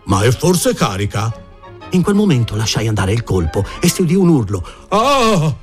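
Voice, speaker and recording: A man reading a first-person story aloud, expressive and giving voices to the characters. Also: medium pitch. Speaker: audiobook reader.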